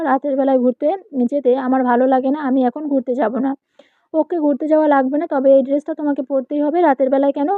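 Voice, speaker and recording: A woman's voice: high voice, no echo. A woman reading a romantic audio story aloud, doing every part herself with small slips. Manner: reads all parts herself, quick with small slips. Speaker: narrator. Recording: tinny phone-like, dry.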